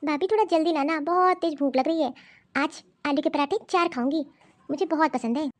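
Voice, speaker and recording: A woman voicing a scheming, bossy young sister-in-law in an animated cartoon story, coaxing and ordering others about. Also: high-pitched, fairly quick, natural voice.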